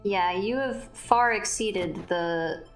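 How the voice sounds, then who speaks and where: A woman's voice: mid-range voice, slow, soft background music, poor audio. A young woman chatting in an easygoing way over a livestream headset mic while she draws. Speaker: fellow art streamer. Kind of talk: casual chat while drawing on a livestream.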